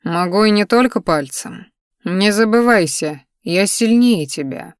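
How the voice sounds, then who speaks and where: A woman reading a storybook voices a cold, domineering man who owns the flat, slow and clipped in his commands. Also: fairly low pitch, clear, resonant tone, no echo, clean studio sound, natural voice.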